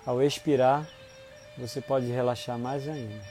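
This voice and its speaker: A man with a Brazilian Portuguese accent leads a guided relaxation in a soothing, unhurried manner, leaving long pauses between short phrases. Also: medium pitch, steady tone, mellow, faint music behind. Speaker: guided meditation instructor. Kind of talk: guided body-scan relaxation.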